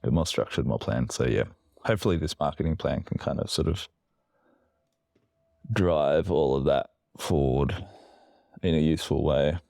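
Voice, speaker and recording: A man with a very deep, gravelly voice chats on a podcast, wandering through his thoughts with fillers and restarts. He sounds slightly woozy from medication. The sound is close and dry. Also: normal speed, pauses often, dark tone, dry recording. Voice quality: very low, gravelly voice. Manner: rambling, many fillers and restarts. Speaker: podcast co-host. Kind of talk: casual podcast chat.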